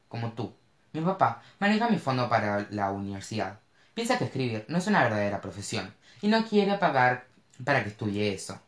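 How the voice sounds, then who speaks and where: A narrator voicing an anxious, dramatic teenage girl who wants to be a writer, with shrill, panicky outbursts. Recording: roomy echo.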